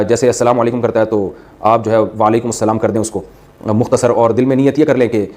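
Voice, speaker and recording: A male Islamic scholar answers a viewer's question in a mid-range voice. He works through the reasoning in a measured way and presents it as his own opinion. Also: mid-range voice, a little mellow. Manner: measured, reasoning aloud, offers a personal opinion.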